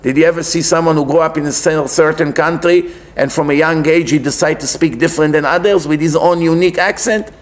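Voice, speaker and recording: A high-voiced, Israeli-accented rabbi lectures a little fast with few pauses, seated at a lectern in an indoor, wood-panelled synagogue. His conversational preaching is explanatory and emphatic, with rhetorical questions and repeated phrases.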